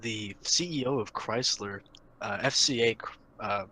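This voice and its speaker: A man's voice: medium pitch, moderate pace, pushed and bright, slight background noise, low-quality recording. A young man co-hosting a casual podcast, hesitant with many fillers and dry jokes. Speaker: podcast co-host.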